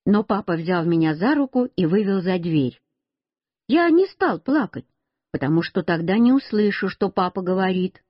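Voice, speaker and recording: A woman reads a children's story aloud in the first person, speaking as a little boy. Her voice is husky and breathy. The recording is dry, close and dull, with a lo-fi sound. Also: on the low side, very animated, normal speed, no room sound. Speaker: reader.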